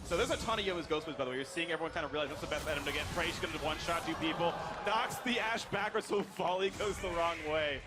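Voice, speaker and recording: A man casting a live video game match, joking and calling the action excitedly. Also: a little high, fast talker, hardly any pauses. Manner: excitable, jokey play-by-play. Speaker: esports caster. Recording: commentary over loud game music.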